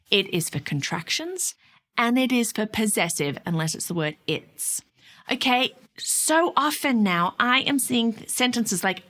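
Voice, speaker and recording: Lively, bright-voiced woman teaching. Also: fairly high pitch. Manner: expressive and emphatic, with playful asides. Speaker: educator. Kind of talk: casual teaching talk.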